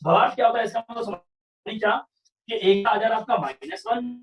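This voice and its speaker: High-voiced maths teacher, echoey room. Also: male voice, fast talker, recorded from a distance, muffled recording, loud music behind the voice. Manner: explains step by step, often asks "sahi hai kya?". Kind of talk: online revision class lecture.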